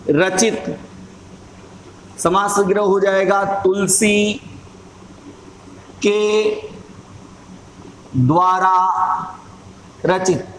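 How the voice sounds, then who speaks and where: A man explains grammar at a slow, unhurried pace, his voice pitched high and held level with little rise or fall. He repeats points patiently and clears his throat from time to time. The room is echoey, with a faint hum of ambient noise behind him. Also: a bit bright. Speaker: Hindi grammar teacher.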